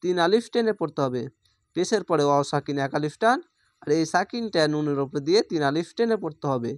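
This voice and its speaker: Man, quran reading teacher, letter-by-letter spelling, long drawn-out recitation, dry room. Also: fairly high pitch, animated, dry recording. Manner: spells each letter and vowel, then draws out the recited words.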